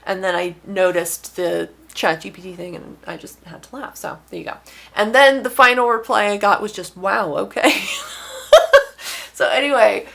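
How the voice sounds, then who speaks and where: A young woman author talking casually to camera in a wry, exasperated way, with lively emphasis. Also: mid-range voice, normal speed, creaky. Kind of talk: casual vlog talk to camera.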